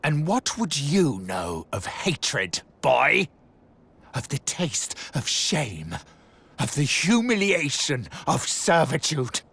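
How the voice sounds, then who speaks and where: A man's voice: fairly high pitch, huge pitch swings, slow, creaky, a bit bright, slightly rough, full character voice. A man playing a bitter, menacing usurper king, a grandiose and theatrical video game villain. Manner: grandiose, declamatory.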